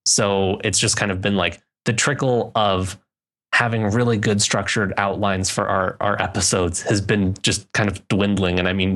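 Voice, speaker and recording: A man's voice: deep voice, a bit bright. A young man co-hosting a podcast in casual, rambling chat, often restarting his sentences. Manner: rambling, self-correcting, loose. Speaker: podcast co-host.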